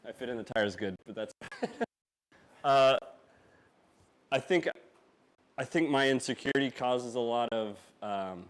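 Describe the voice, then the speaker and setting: A young man from Norway, raised in Arizona, talking casually over slides about his motorcycle shop, halting and full of fillers. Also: mid-range voice. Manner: halting, filler-heavy, laughs easily. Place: event space before a live audience.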